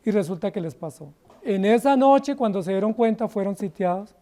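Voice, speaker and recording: A man from Colombia with a Colombian Spanish accent, a pastor preaching a sermon with rhetorical questions, slowing down to stress key words. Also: sits high, lively intonation, warm tone.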